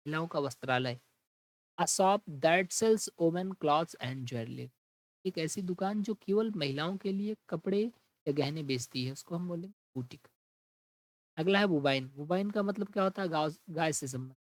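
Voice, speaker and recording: A man teaching an English vocabulary lesson, explaining each word in Hindi and reading the English definitions slowly. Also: fairly high pitch, no room sound, poor audio. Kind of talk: exam-prep vocabulary lesson.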